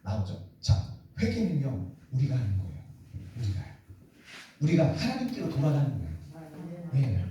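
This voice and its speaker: A man's voice: medium pitch, wildly swooping pitch, normal speed, pauses often, warm tone, slight background noise. A man preaching at a revival meeting in a church, repeating phrases and asking the congregation rhetorical questions. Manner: talks directly to the congregation, teasing and joking. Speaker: pastor. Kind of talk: revival sermon. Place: church sanctuary. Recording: very echoey hall, voice far from mic.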